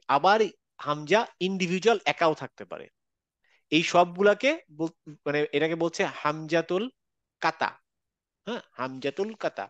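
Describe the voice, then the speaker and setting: A man's voice: fairly high pitch, a bit bright, dry recording, lo-fi sound. Bengali man teaching Arabic letter sounds. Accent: Bangladeshi Bengali. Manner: patient, demonstrates sounds by repeating them. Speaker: Quran recitation teacher. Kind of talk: online class teaching pronunciation. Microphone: video call.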